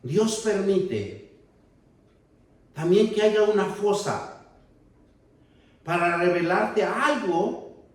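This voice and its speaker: Male preacher, emphatic sermon delivery, slow pace, distant mic in a booming echoey hall. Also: lively intonation. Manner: slow, deliberate preaching with raised emphatic passages. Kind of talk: sermon with Bible reading. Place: church hall.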